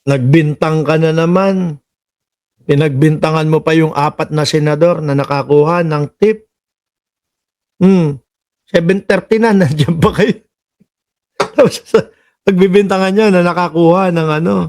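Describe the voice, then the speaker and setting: A man from the Philippines hosting political reaction commentary, sarcastic and animated, scolding the people in the clips and reading out viewer comments. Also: a little high, measured pace, pauses often.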